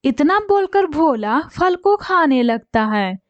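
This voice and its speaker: A woman's voice: high voice, very animated, takes it slowly, dry recording, highs cut off. A woman narrating a cartoon story in a plain storytelling manner.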